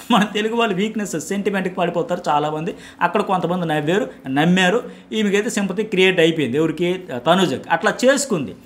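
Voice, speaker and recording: Rapid-fire emphatic man commentator. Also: on the high side. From India. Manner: emphatic, animated, repeats words for effect. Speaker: journalist and reality-show commentator. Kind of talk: opinionated solo commentary.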